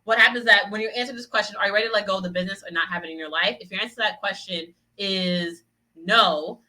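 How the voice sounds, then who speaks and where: A woman's voice: mid-range voice, fast, bright, forceful tone, low-quality recording. A woman business coach giving an upbeat solo podcast talk, checking in with "right?" again and again. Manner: upbeat, peppers sentences with "right?"; acts out little voices of clients.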